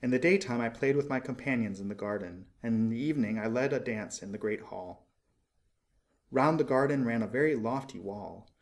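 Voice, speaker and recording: Man voicing the sorrowful, musical Happy Prince statue. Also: close to an everyday voice. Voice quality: low, musical. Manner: solemn, wistful. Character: sorrowful golden statue of a dead prince, gentle. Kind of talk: storybook character voice.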